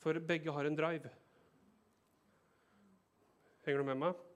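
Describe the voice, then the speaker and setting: Male pastor, slightly higher voice, reads scripture then explains it in a conversational tone and checks in with listeners. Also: fairly even intonation, clear, resonant tone. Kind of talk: sermon with scripture reading.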